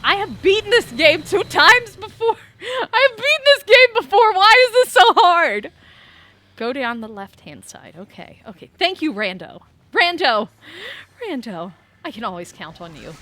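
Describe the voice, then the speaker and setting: A woman streaming a speedrun, talking to chat, swinging from frantic yelling to deadpan muttering. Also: very high-pitched, a little slow. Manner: excitable, shifts between frantic yelling and deadpan mumbling.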